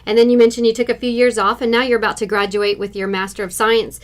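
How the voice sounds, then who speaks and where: A woman's voice: a little high, little pitch movement, fast. Woman hosting a studio interview. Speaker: podcast co-host. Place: radio studio.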